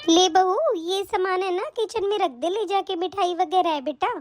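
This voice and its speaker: A soft-spoken, modest old aunt in a cartoon story, as a woman puts her on. She talks affectionately and humbly, in a very high voice. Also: normal speed. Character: elderly aunt, humble and gentle. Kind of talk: animated story voice acting.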